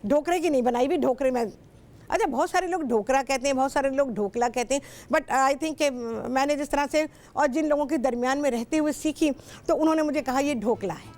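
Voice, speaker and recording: High-voiced chatty Pakistani cooking host. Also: female voice, fairly quick, darkish tone. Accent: Pakistani Urdu. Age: middle-aged. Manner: talkative, instructive, repeats herself often. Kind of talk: chatty cooking show talk with callers. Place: television studio.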